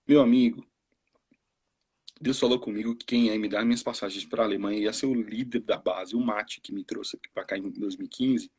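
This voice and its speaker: A man's voice: on the low side, steady tone, a little fast, darkish tone, breathy edge. A Brazilian missionary in his forties telling his story casually, acting out the voices of the people he quotes. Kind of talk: casual testimony on a live stream.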